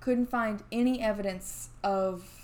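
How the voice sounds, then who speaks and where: A woman's voice: medium pitch, fairly even intonation, unhurried, darkish tone. Chatty woman telling a story casually. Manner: chatty, many fillers and restarts. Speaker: podcast co-host.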